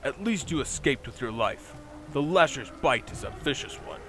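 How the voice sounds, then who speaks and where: A man playing a weary male warrior quest-giver who speaks in a solemn, measured way. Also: mid-range voice, lively intonation, sharp tone, soft background music, poor audio.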